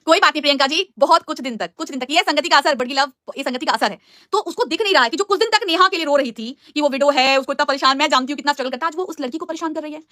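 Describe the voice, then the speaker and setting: Fast, angry woman ranting on a live stream. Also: high-pitched, bright, forceful tone, no echo, studio quality. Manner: fast, angry and scolding, with much mocking. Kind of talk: heated live-stream rant.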